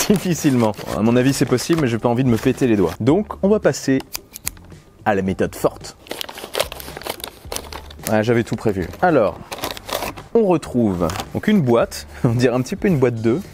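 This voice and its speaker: A man's voice: mid-range voice, big pitch swings, normal speed, long pauses, dark tone, a little hiss or hum. A man with a French accent, chatting through a casual unboxing vlog outdoors next to a road, recorded on a lapel mic. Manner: chatty and playful, musing aloud. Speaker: tech vlogger.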